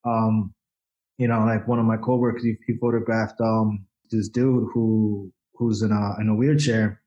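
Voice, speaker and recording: A man's voice: on the low side, little pitch movement, moderate pace, warm tone, muffled recording. A man in his forties from the Dominican Republic, a photojournalist guest chatting loosely with lots of fillers, restarts and casual swearing. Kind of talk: casual interview chat.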